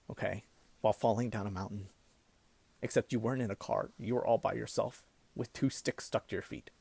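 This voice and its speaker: A young man telling a comic personal story in an animated way, now and then breaking into laughter. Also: lowish voice, creaky, breathy edge, no echo.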